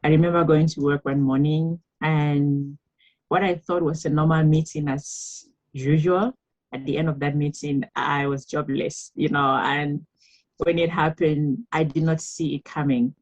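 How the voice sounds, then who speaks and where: A woman's voice: sits low, flat delivery, unhurried, a little mellow, low-quality recording. A woman from Cameroon, a guest author, telling her story in a podcast interview, reflective and chatty with laughs and fillers.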